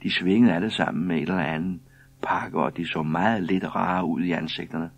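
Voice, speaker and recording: A man reading a children's story aloud in a calm, even storytelling manner. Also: low voice, creaky, husky. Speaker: narrator.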